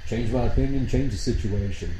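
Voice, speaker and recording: A man's voice: medium pitch, fairly quick, mellow. A man from southern West Virginia chatting casually with friends, cracking profane jokes. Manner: wisecracking, profane. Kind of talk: casual chat. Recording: echoey room with faint noise.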